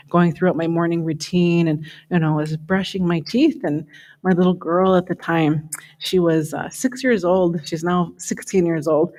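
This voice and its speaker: A woman's voice: on the low side, a little mellow. A middle-aged woman speaking at a summit, telling a personal story in a loose, conversational way, often repeating "he says" and "you know".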